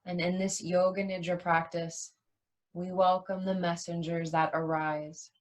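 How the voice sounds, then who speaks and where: A yoga nidra teacher guides a meditation in a fairly low, level-toned voice. Soothing and slow, she offers brief phrases and lets long pauses fall between them.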